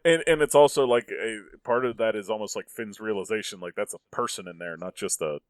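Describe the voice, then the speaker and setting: A man's voice: on the low side, fairly quick, clear, resonant tone, dry recording. A man hosting a casual podcast chat, earnest and building his arguments with frequent restarts. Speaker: podcast host.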